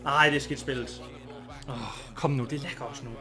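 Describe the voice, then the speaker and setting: A man streaming a football video game with a Danish accent, commenting live and getting excited, shouting and swearing often. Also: mid-range voice, faint music behind. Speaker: gaming streamer.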